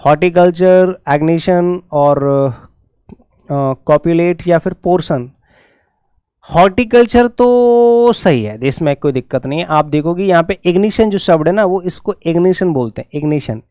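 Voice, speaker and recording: An English teacher with a Hindi accent leads a brisk exam-prep lesson, pushing students to answer quickly. His high voice is smooth, clear, and mellow, recorded dry and close with no room sound.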